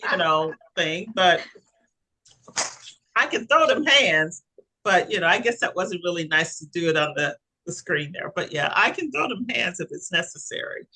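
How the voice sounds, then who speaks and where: A woman's voice: fairly low pitch, poor audio. A woman co-hosting a podcast and working as a coach, chatting expressively and laughing as she talks. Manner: expressive, laughs while talking. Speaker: podcast co-host, life coach. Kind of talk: casual chat.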